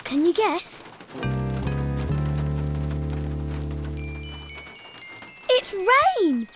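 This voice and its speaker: High-voiced, eager little cartoon cat. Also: wildly swooping pitch, takes it slowly, loud music behind the voice, exaggerated voice. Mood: curious, upbeat. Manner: encouraging, clearly articulated questions to viewers. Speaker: lead character addressing young viewers. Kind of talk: preschool animated show dialogue.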